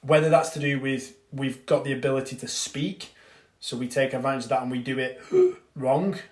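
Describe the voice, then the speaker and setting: A man's voice: medium pitch, moderate pace. A man, a fitness coach, giving a casual live-stream breathing lesson and answering viewers. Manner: chatty, reads out viewer comments, swears casually. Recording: echoey room.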